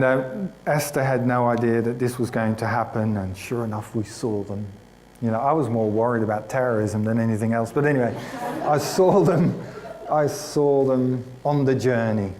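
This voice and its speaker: A man's voice: medium pitch, a little mellow, slight background noise, poor audio. A man preaching to his congregation, telling a personal story in a chatty, self-mocking way and addressing listeners by name. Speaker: pastor. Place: church hall.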